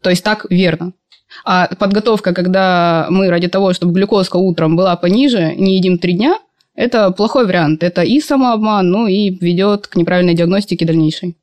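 A woman's voice: on the low side, brisk, a little mellow, no echo. Woman doctor explaining in a dry, close sound. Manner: explanatory, good-humoured. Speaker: endocrinologist, expert guest. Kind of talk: conversational medical commentary.

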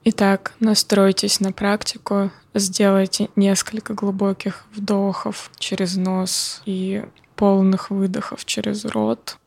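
Woman slowly counting breaths, flat and gravelly. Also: medium pitch, dry recording. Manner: slow breath counting with long pauses; calm, soft, measured. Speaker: breathing exercise guide. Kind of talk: guided breathing meditation.

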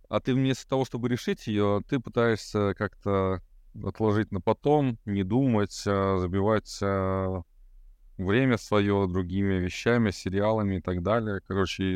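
A man in his thirties with a very low, smooth and resonant voice. He talks as a podcast guest in a loose, hesitant way, full of fillers and self-deprecating chuckles, recorded dry and close. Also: a little mellow, dry recording. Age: 30s. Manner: hesitant, many fillers, laughs at himself. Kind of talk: casual conversation.

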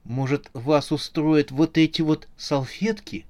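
A man's voice: fairly high pitch, slow pace, darkish tone, pitched above the performer's own voice. A man voicing a timid, polite would-be hitman who speaks hesitantly, in an audiobook. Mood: helpful.

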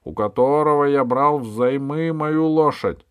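A man's voice: on the high side, a little slow, clear, resonant tone, no echo, studio quality, voice pushed up, close to an everyday voice. Male narrator as brash boy knight, raised voice, demanding. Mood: insistent. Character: cheeky boy knight demanding his rights.

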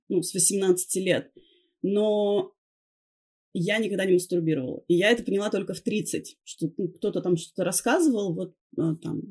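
A woman in her thirties or older, appearing as a podcast guest, tells personal stories in a casual, candid, confessional way, mocking herself and swearing. Her voice sits on the low side, with a darkish tone and a breathy edge.

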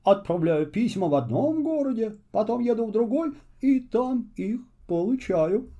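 A man voicing a polite, shy and lonely little male traveler in a children's story, speaking slowly and courteously. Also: high voice, expressive, highs cut off, voice pushed up. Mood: polite, gentle. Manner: slow, courteous and hesitant.

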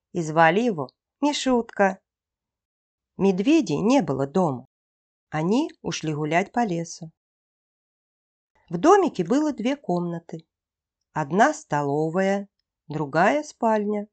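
A woman narrating a fairy tale for children in a calm, expressive storytelling voice. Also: on the low side, unhurried, pauses often.

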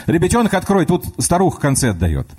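A man voicing a loud, blunt and jolly working-class plumber in a comic radio story. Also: fairly high pitch, huge pitch swings, quick pace, breathy edge, voice pushed up, exaggerated voice. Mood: brash.

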